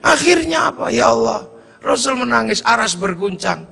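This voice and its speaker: A man preaching a sermon as a lively story, acting out the voices and swinging between shouts and low tones. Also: normal speed, vocal fry, big-room sound. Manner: animated, acts out voices, shouts and drops low.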